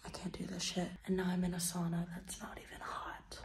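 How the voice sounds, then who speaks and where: A woman's voice: fairly low pitch, completely flat delivery, brisk, vocal fry. Young woman whispering a fed-up aside. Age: young adult.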